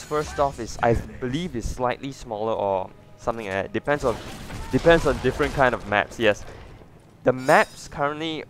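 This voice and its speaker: A man's voice: medium pitch, fairly bright tone. A man hosting a casual gaming video, chatting loosely with lots of fillers and restarts. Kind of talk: casual gameplay commentary.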